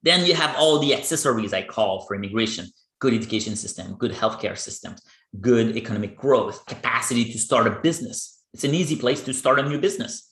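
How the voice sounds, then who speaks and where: A man's voice: medium pitch, fairly bright tone. Man hosting a podcast, echoey room. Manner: earnest, explaining in plain terms. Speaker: podcast host. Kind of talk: podcast interview.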